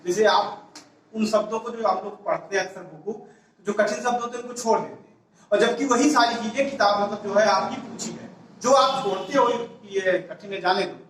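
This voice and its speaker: High-voiced male teacher in an echoey room. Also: fairly bright tone, far from the mic. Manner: explaining step by step, repeating words and asking rhetorical questions. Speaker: English teacher. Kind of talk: classroom grammar lesson.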